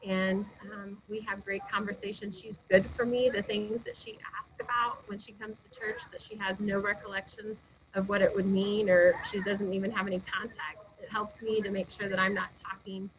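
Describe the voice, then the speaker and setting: A woman's voice: medium pitch, little pitch movement, moderate pace, noisy background. A woman pastor telling heartfelt personal stories in an interview, earnest and speaking with frequent fillers. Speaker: lead pastor. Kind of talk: personal storytelling in a webinar interview.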